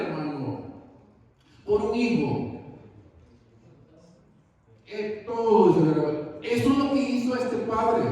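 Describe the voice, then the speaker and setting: Male preacher, high voice, slow fervent delivery, distant mic in a reverberant church hall. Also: darkish tone. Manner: fervent, addresses listeners as brother. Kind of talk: sermon.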